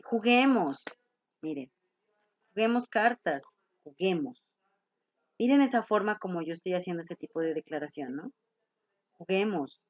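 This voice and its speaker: A woman's voice: medium pitch, no room sound, dull audio. A woman teacher explaining grammar to a class, patiently checking in with her students as she goes. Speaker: English teacher.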